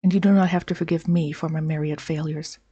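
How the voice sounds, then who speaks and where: A woman narrates written notes from a game, reading them aloud. Her voice is dark and rough-edged, with very little room sound around it. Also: sits low, steady tone, fast, dry recording, lo-fi sound. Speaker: gameplay narrator.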